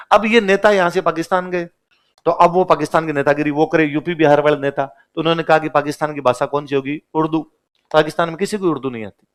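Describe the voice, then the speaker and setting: A male history teacher giving a casual classroom lecture, telling the story in plain everyday speech and asking the class a quick question after almost every point, then answering it himself. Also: a little high.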